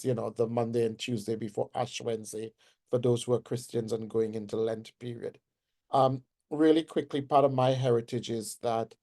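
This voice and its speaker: A man in his forties from Trinidad and Tobago, with a Trinidadian accent, gives a personal, conversational webinar lecture as a guest speaker and nursing professor. His voice is medium-pitched and mellow.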